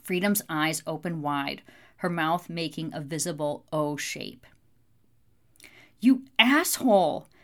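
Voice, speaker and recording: Woman reading an audiobook, lowish voice, steady and even. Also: a little slow. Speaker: audiobook narrator. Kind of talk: scripted narration.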